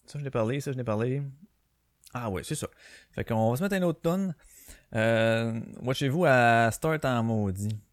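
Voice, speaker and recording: A man's voice: mid-range voice, expressive, a little slow, no echo, clean studio sound. A man with a Québécois French accent hosting a casual solo podcast from his bedroom on a small home mic, rambling with lots of fillers and restarts. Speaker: podcast host. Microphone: small home microphone.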